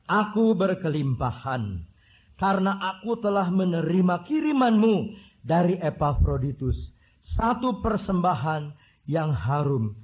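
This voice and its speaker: Lively high-pitched preacher man. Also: highs cut off. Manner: animated, jokey preaching with impressions and whistle sounds. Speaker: pastor. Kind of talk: sermon.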